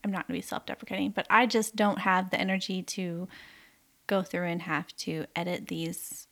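A woman's voice: on the low side, level tone, moderate pace, gravelly, fairly bright tone. A woman co-hosting a podcast in casual, rambling chat, laughing often. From Ontario, Canada. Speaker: podcast co-host.

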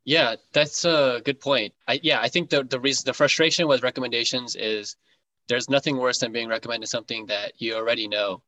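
A man's voice: mid-range voice, steady tone, a little fast, pushed and bright, dry recording, poor audio. A man in a casual podcast conversation who speaks hesitantly, leaning on fillers and repeated starts. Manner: hesitant, many fillers like "like" and "you know".

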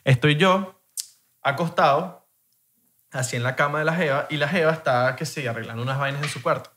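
A man's voice: on the high side, fairly quick. A young man with a Venezuelan accent and a slightly raised voice talks casually. He tells his stories in slang and with lots of energy. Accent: Venezuelan Spanish. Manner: slangy, animated storytelling. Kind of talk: casual chat.

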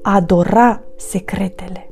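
A woman reading a children's story aloud with a lively, expressive delivery. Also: medium pitch, vocal fry, breathy edge. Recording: faint background music.

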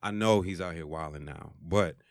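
A man's voice: low voice, normal speed, dry recording, clean studio sound. A man co-hosting a casual podcast chat, laid-back and slangy. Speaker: podcast co-host.

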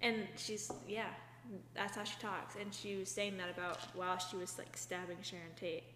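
A woman's voice: on the low side, level tone, fairly quick, fairly bright tone. A young woman co-hosting a casual podcast, rambling through stories with lots of "like" fillers. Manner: chatty, many fillers, rambling retellings. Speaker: podcast co-host. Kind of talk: casual chat. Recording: echoey room with long reverb, faint hum.

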